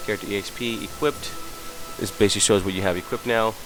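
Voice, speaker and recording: Low-voiced hungover man, hesitant tutorial. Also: steady tone, fast, a bit bright, soft background music, poor audio. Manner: hesitant, apologetic, searching as he goes. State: hungover and sick. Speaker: tutorial presenter. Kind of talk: unscripted screen-recorded software tutorial.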